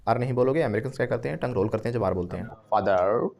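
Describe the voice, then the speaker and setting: A man with an Indian accent teaching a spoken English class, animated, drilling his students with call-and-response repetition. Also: medium pitch, very fast, vocal fry. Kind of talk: classroom lesson.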